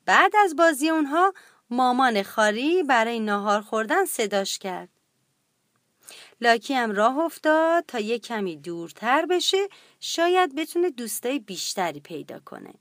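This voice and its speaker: A woman reads a children's story aloud in a gentle, expressive way. Her voice sits high and bright, and the recording is close and dry. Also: no room sound.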